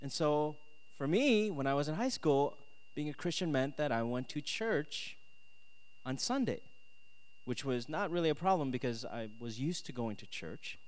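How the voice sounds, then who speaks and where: Fairly high-pitched and lively in intonation, a man speaks at a moderate pace as he gives students a chatty sermon of scripture and testimony, often saying "right?" and "okay?". He grew up in South Korea until ten, when he moved to the US. The recording has the long reverb of an echoey hall.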